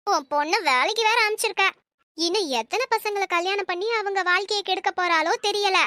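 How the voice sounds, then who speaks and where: A woman's voice: extremely high pitch, a little fast, pushed and bright, dry recording, studio quality. A woman voicing a furious middle-aged mother who scolds and threatens harshly in a cartoon story. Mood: angry.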